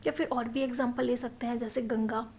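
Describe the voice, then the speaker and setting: A woman's voice: on the high side, level tone, brisk, a little mellow. A woman teaching English grammar, explaining in a classroom style and asking and answering her own questions.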